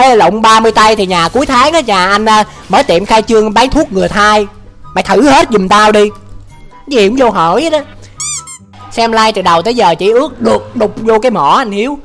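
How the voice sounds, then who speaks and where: A man's voice: sits high, fairly bright tone. A young man hosts a casual livestream, reading viewer comments aloud and answering them with joking, exasperated wails. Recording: faint music in the background.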